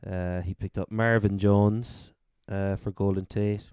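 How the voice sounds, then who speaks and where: A man's voice: fairly low pitch, little pitch movement, a little slow, a little mellow, smooth, dry recording. A man with a Cork accent from Ireland, co-hosting a sports podcast and casually running through updates. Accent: Irish, Cork. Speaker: fantasy football podcast co-host.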